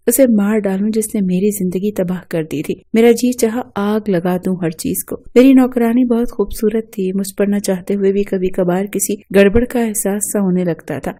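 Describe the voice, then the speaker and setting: A woman telling a dramatic first-person story in an emotional, anguished way. Her voice is very dark and mellow, at a middling pitch.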